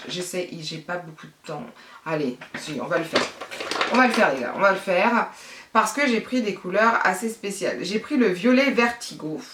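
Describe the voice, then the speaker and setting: A woman's voice: mid-range voice, fairly bright tone, roomy sound, recorded from a distance. A young woman from France chatting playfully as a beauty vlogger, showing off her purchases to her viewers. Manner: chatty, playful, addresses viewers as "les gars". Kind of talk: casual haul video chat.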